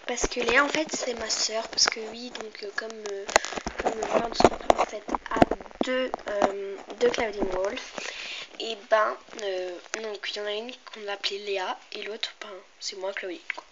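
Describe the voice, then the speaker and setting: A woman's voice: mid-range voice, steady tone, moderate pace. Young woman, voice cracking, slightly sick, hesitant rambling show-and-tell, lo-fi muffled sound, noisy background. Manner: hesitant, rambling, self-interrupting. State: slightly sick, clearing throat and coughing. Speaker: amateur video maker presenting handmade doll furniture. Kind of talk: casual show-and-tell chat. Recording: dull lo-fi home recording, clear noise.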